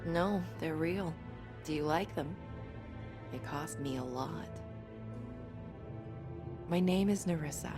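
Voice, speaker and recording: A sultry, secretive woman of the night in a video game. Her voice is low for a woman and she takes her time over every word, coy and guarded, with music clearly behind her. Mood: coy, wistful. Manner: slow, coy, measured.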